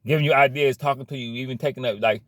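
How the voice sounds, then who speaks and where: A man's voice: medium pitch, steady tone, fast, fairly bright tone, no room sound, studio quality. A man giving a blunt, slangy motivational rant about cutting problem people out of your life, repeating himself as he preaches. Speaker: motivational vlogger.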